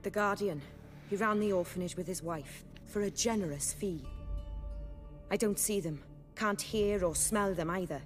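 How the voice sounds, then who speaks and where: A woman's voice: mid-range voice, moderate pace, soft background music, close to an everyday voice. A woman voicing a cold, commanding aristocratic female vampire in a video game, speaking in a composed, formal way.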